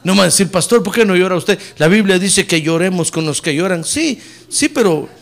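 A middle-aged male pastor preaching a sermon with humor, swinging from loud emphatic peaks down to low soft asides. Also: lively intonation, fairly quick, creaky. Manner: preaching with humor, rising loud on key points and dropping low and soft on "hermano".

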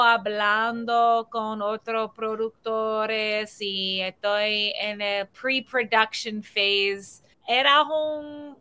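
A woman's voice: on the high side, bright, forceful tone, clear, resonant tone. A woman from New York, a writer and filmmaker, chatting in an interview and mixing English words into her Spanish. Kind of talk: casual interview chat.

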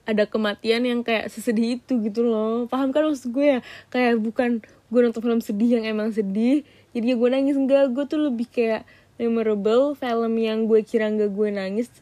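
Woman, solo podcast host, slangy gushing chatter, fairly high voice, dry close sound. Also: steady tone, brisk, warm tone, no room sound. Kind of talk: casual solo podcast chat.

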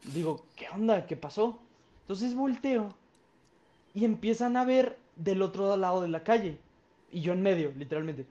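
A young podcast co-host with a Mexican Spanish accent rambles through a story, full of slang and fillers, in a high, warm voice at normal speed. The lo-fi recording sounds dull.

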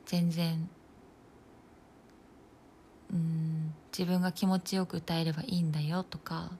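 A young woman in her twenties talking casually and alone in a slightly low voice. She muses loosely as she goes, trailing off into fillers and small laughs. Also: level tone, a little slow, a little hiss or hum. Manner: musing, loose and chatty, with soft laughs and frequent fillers. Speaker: nursing student podcaster. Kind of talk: casual solo talk.

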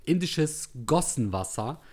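A man in casual chat about perfumes, talking in a relaxed, reflective and slightly wry way. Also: fairly high pitch, slow pace. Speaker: perfume reviewer co-host.

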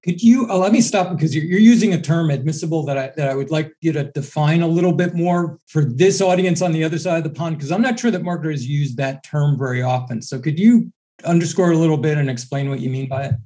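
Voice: medium pitch, fast talker, mellow. A podcast host asking long, rambling questions that correct themselves along the way. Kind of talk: interview questions.

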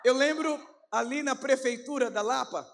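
A man preaching a sermon as a pastor, often shouting with fervor. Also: very high voice, normal speed, creaky, background noise. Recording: long hall reverb.

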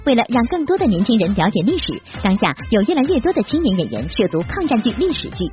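Lively, quick female entertainment news narrator. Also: fairly high pitch. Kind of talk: scripted narration. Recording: slightly dull sound over loud music.

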